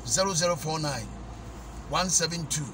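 Inside a small car, a middle-aged Ghanaian evangelist preaches emphatically into a phone on the dashboard while driving, repeating blessings again and again. His voice is a little high and moderately paced, with background noise.

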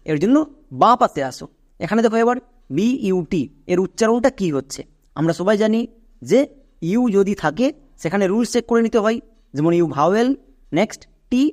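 A man's voice: high voice, darkish tone. A man teaching an English spelling lesson. He goes through each word patiently and repeats his points. He checks in with the listener by asking questions.

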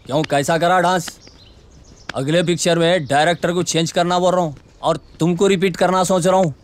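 A man's voice: on the high side, fairly even intonation, fairly quick, slight background noise, natural voice. An actor with a Hyderabadi accent playing a brash, boastful man who bankrolls and stars in his own film. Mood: swaggering. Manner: swaggering, brash, bossy. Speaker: actor playing a boastful rich producer-hero. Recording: film soundtrack with loud background music.

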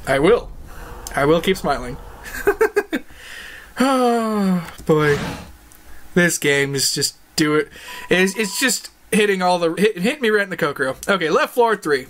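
A woman commentating her game playthrough, jokey and excitable, yelping and laughing. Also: on the low side, measured pace, pauses often, slight background noise. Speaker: let's play gamer. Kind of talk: gaming commentary.

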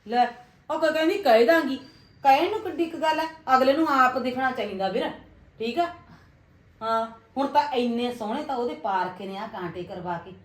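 A woman plays a meddlesome village aunt, bossy and coaxing as she stirs up trouble. Her voice sits fairly high. It rings in a roomy, echoey space. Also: lively intonation, moderate pace, close to an everyday voice. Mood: nosy. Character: scheming gossiping aunt, meddlesome older woman. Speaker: aunt (chachi) giving advice. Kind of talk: village family drama acting.

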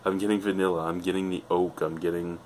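Middle-aged guy with a real low voice, gushing about a beer at home, swears a lot, faint hiss behind. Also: flat delivery, quick pace, darkish tone. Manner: enthusiastic, swears freely, rambling. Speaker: beer reviewer. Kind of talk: casual beer review vlog. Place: living room at home, indoors.

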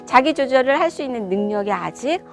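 Lively, animated woman teaching parents. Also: high voice, a little fast, faint music behind. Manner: animated, emphatic, asks the listener rhetorical questions. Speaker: parenting educator. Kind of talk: talking-head lecture on child discipline.

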